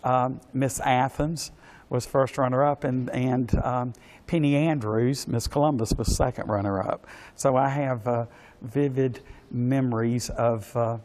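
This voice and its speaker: Halting man in his sixties. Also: mid-range voice, a little mellow. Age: 60s. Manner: halting and hesitant, with many pauses and repeated words. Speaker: interview guest, pageant organization official. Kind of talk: polite spoken interview answers.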